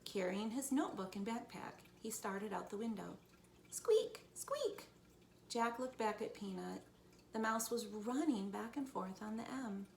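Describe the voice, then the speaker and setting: Like a teacher with first graders, a woman reads a children's storybook aloud expressively for young listeners. Her voice is medium-pitched with vocal fry at normal speed, recorded in an echoey room with background noise.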